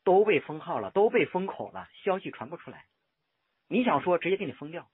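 A man's voice: high-pitched, big pitch swings, brisk. A man on a landline phone call, talking insistently and lecturing the listener as he pleads for help. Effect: heard over a landline phone line. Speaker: caller seeking help. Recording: tinny phone line, husky.

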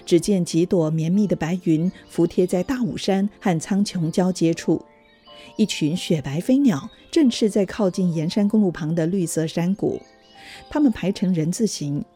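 A woman reading a children's story aloud in a gentle, even manner. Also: fairly low pitch, moderate pace, husky, soft background music. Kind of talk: scripted storybook narration.

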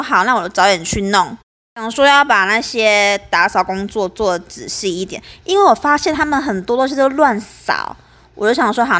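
A woman's voice: medium pitch, a bit bright. A young woman, telling a story as a podcast host in a chatty, aggrieved way.

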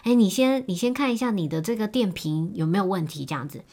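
A woman's voice: mid-range voice, quick pace, dark tone, natural voice. Woman doing a patient practical boyfriend. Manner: patient, instructive, apologetic.

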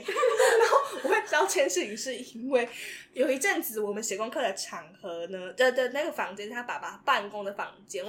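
Lively young Taiwanese woman host. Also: on the high side. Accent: Taiwanese Mandarin. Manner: animated, laughs often mid-sentence. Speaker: podcast host. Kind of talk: casual storytelling chat.

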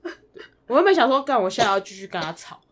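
A young woman with a Taiwanese Mandarin accent, a podcast co-host telling stories in casual chat, animated and cursing, slipping into Hokkien. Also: fairly high pitch, fast talker. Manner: animated, swears, slips into Hokkien.

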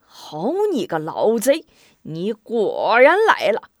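Brief: loud, barking villain general, storybook telling, voiced by a woman narrator. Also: mid-range voice, sing-song, takes it slowly, no room sound, studio quality. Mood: bellowing. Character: brutal male army general, boastful villain.

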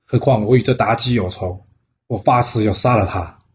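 A man's voice: lowish voice, moderate pace, a little hiss or hum, close to an everyday voice. A man voicing a naive, earnest young prince who has become a Taoist disciple, in a storybook tale, on a dull lo-fi recording.

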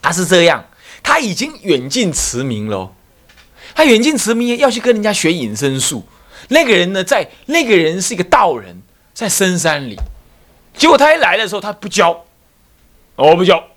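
Animated Buddhist abbot telling a story. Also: male voice, high-pitched, moderate pace. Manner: animated, rhetorical questions, acts out voices. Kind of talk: dharma lecture storytelling.

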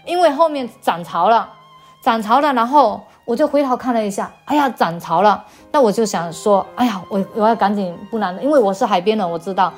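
A woman's voice: mid-range voice, lively intonation, a little fast, soft background music. A woman from China telling a personal faith story in an interview, hesitant and often repeating her words. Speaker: interview guest.

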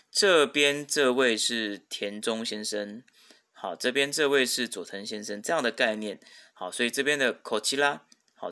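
A man's voice: mid-range voice, bright, forceful tone. A man teaching vocabulary in a podcast lesson. He speaks patiently, says each word twice and often starts sentences with a filler. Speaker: Japanese language teacher.

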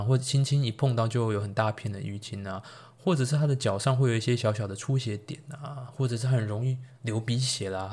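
A man's voice: mid-range voice, a little mellow. A man with a Taiwanese Mandarin accent, a doctor hosting a solo health podcast, explaining medical topics in a casual, chatty way with playful jokes and asides. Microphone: solo podcast recording.

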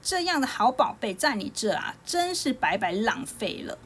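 A cheeky, quick-witted little boy from a children's storybook, raised high and bright, as a woman puts him on. He talks with easy confidence and teases the grown-ups. A faint hiss sits under the voice. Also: very animated. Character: clever cheeky little boy, monkey's son.

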